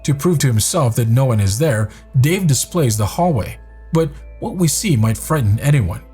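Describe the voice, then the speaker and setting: A man with a husky, slightly breathy voice narrates a countdown of clips from a script. His delivery is measured and even, pitched in an ordinary middle range. Soft music sits underneath him.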